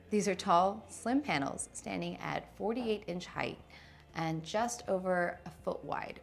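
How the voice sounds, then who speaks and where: Speaking to camera from an indoor showroom with a wood-slat wall, a woman in her thirties reviews a product. Her voice is fairly low with plenty of vocal fry, and she talks conversationally, stressing key words.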